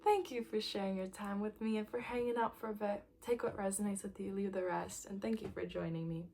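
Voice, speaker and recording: A woman giving a casual tarot reading to camera, gentle and reflective, laughing lightly and sometimes dropping to a soft near-whisper. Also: mid-range voice, steady tone, brisk, vocal fry, a little hiss or hum. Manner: laughs lightly between thoughts. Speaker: tarot reader.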